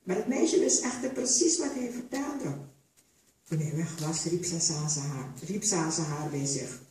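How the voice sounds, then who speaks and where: A woman author reading passages from her novella aloud in a theater, slow and expressive. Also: low-pitched. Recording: echoey theater hall from far off.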